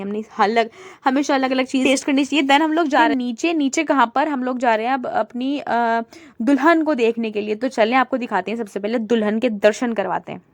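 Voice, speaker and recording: A young woman with a high voice narrates her vlog in a chatty, casual way, walking viewers through everything in front of her. The sound is close and dry. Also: dry recording. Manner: chatty, showing things to viewers. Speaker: vlogger.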